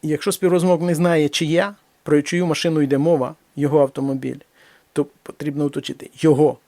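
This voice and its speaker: Man teaching a language lesson, fairly high gravelly voice, slow careful examples, dry close sound. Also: flat delivery, warm tone, dry recording. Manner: slow, deliberate reading of examples, then explains. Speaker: Spanish teacher.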